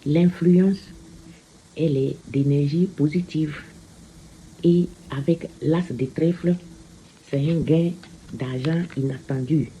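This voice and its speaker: A woman giving a casual card reading, slow and repetitive, often tagging her phrases with a questioning "hein?". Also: sits low, steady tone, dark tone, a little hiss or hum. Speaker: card reader.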